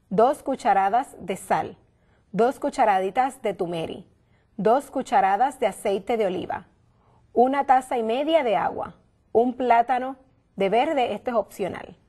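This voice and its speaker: A woman in her thirties hosting a TV cooking show from a studio kitchen, upbeat and quick to echo her guest. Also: a little high, breathy edge. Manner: bright, affirming echoes of her guest. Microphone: lapel mic.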